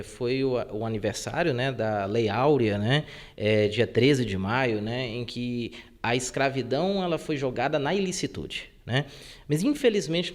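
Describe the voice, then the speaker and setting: A man from Brazil, a labor court judge, answering interview questions in a measured way with frequent filler words. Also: mid-range voice.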